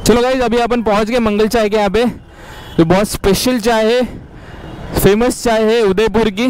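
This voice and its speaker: A man's voice: high-pitched, fairly even intonation, moderate pace, darkish tone, a little hiss or hum, rough recording. A man riding a motorbike, vlogging as he chats with locals on a city street and urges viewers to subscribe. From India. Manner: chatty, upbeat, keeps urging viewers to subscribe. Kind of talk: casual vlog chat.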